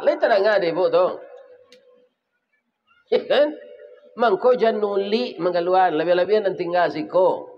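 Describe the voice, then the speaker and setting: A preacher with a Minangkabau accent delivers a lively sermon, turning to the congregation again and again with rhetorical questions. His voice sits fairly high for a man. The recording sounds dull and lo-fi. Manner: animated, addressing the congregation with frequent rhetorical questions.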